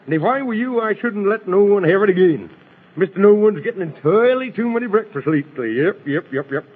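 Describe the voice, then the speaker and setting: High, husky, fussy old Moon Man. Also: lively intonation, brisk. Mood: fussy, whimsical. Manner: stammering, repetitive, muddled, comically scolding. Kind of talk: old-time children's radio fantasy acting. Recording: muffled, tinny vintage radio recording.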